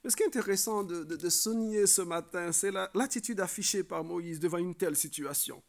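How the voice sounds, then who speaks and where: A man's voice: a little fast, vocal fry. A man preaching a sermon, earnest and exhortative, often tagging phrases with a questioning "hein" and lifting his voice to stress key points. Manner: earnest preaching, rises in pitch and volume for emphasis; frequent filler "hein".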